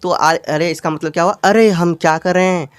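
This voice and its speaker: Guy with hindi accent teaching english from a kids story, smooth clear voice, dry close mic, reads english slow then explains. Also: high-pitched, fairly even intonation, no echo. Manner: explains slowly, repeats lines, asks students questions; reads English lines very slowly, word by word. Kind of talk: bilingual English lesson reading a storybook.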